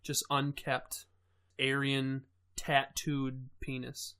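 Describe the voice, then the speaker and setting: A man's voice: mid-range voice, monotone, drawn-out words, pushed and bright, clear, resonant tone. A man co-hosting a comedy podcast, reacting with profane, joking banter. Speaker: podcast co-host. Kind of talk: casual comedy chat.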